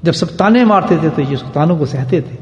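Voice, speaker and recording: A man preaching a sermon at a remembrance gathering, firing rhetorical questions and swinging from loud emphasis to hushed asides. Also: a little high, lively intonation, highs cut off. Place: gathering hall. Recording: echoey hall with long reverb.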